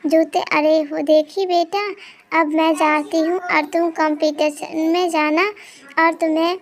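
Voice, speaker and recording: A loving, magical spirit mother from a cartoon story, tender and comforting, as a woman reads her. Her voice is high and flat, with only a small melodic range. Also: unhurried.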